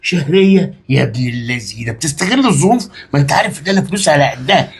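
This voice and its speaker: A man with an Egyptian accent in a comedic sketch, playing a sly, coaxing husband with a husky voice. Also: fairly high pitch, expressive, rapid-fire, noisy background. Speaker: husband hiding a second marriage.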